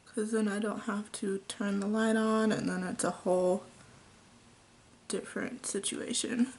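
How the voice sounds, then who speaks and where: A young woman talks through a makeup tutorial at home. Her pace is slow and easy, and her delivery is chatty, full of ums and small asides. Her pitch sits in an ordinary middle range. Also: little pitch movement, a little mellow. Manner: chatty and unhurried, with frequent ums. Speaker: beauty vlogger. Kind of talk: casual makeup tutorial chat.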